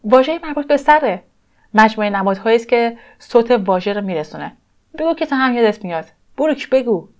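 A woman voicing an ancient, wistful energy being that was once human, speaking gently in a dull lo-fi recording. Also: a little high, animated. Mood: coaxing.

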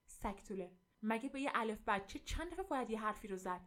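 A woman's voice: a little high, animated, fairly bright tone. A woman voicing a harsh, cursing aunt who berates a child in a storybook reading. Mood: scolding. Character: harsh scolding middle-aged aunt.

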